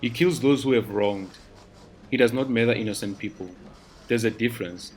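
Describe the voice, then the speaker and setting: A man's voice: mid-range voice, moderate pace, close to an everyday voice. A man narrating a story voices a confident young policewoman who talks bluntly, her tone sweet yet obnoxious. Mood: defiant. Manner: blunt, defiant.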